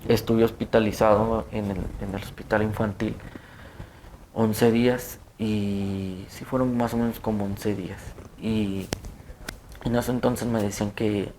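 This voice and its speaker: A young man with a Mexican Spanish accent telling his story as an interview guest, halting and hesitant with many fillers. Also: on the low side, flat delivery, a little mellow, slight background noise. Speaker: interview guest, attack survivor. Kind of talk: emotional personal testimony.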